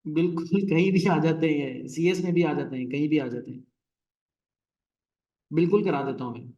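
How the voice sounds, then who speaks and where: A male teacher gives a classroom lecture, counting out syllables and stresses as he explains. His voice sits somewhat high for a man. He is recorded from a distance in an echoey room. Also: moderate pace, warm tone, muffled recording.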